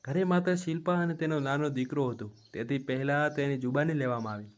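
A man telling a dramatic family story as a steady, plain storyteller. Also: fairly high pitch, fast.

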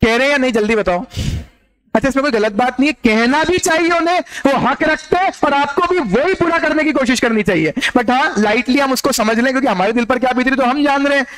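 A male exam-prep teacher giving a lively classroom lecture, teasing his students and firing rhetorical questions at them. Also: very high-pitched, a little fast.

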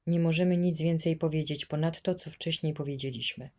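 A woman's voice: low-pitched, brisk, close to an everyday voice. A woman reading a firm devout girl. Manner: steady, firm answers.

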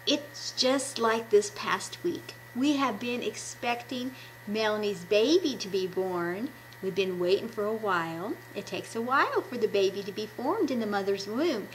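A woman in her fifties, a children's ministry puppet presenter, gives an enthusiastic devotional talk to kids from a small room at home, on a webcam at arm's length. Her mid-range voice is animated and unhurried, and the low-quality recording carries a little hiss or hum.

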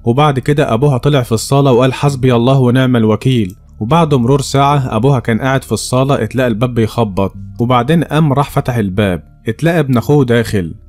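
A man with an Egyptian accent narrating a dramatic story in a rapid, breathless retelling. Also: medium pitch, a little mellow. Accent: Egyptian Arabic.

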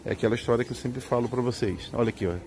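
A middle-aged Brazilian man casually narrates a walking tour of a large indoor swap meet, filming on a handheld phone with a busy crowd behind him. He talks in rapid-fire bursts with a medium pitch, vocal fry and a darkish tone.

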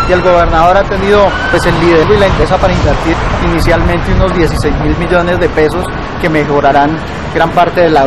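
A man in his thirties with a Colombian accent speaks earnestly and persuasively in an outdoor interview. His voice sits high for a man. Heavy street traffic rumbles loudly behind him. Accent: Colombian Spanish. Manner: earnest, persuasive, with some repeated filler words. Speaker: civic leader interviewee. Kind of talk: on-camera interview statement. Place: outdoors by a glass building.

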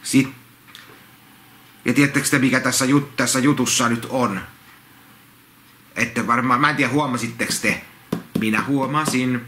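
A man reads a children's picture book aloud and keeps drifting into rambling, repetitive commentary full of false starts. His voice is bright and forward. The room is echoey, with faint noise underneath. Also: mid-range voice, fairly even intonation. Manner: repetitive, halting, full of restarts and asides. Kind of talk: casual read-along with rambling commentary. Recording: roomy echo, faint background noise.

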